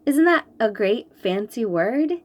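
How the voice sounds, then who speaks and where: A woman with a voice on the high side reads a picture book aloud to young children, lingering over each word and letting her pitch rise and fall widely. She is slow, clear, and patient, explaining the fancy words as she goes.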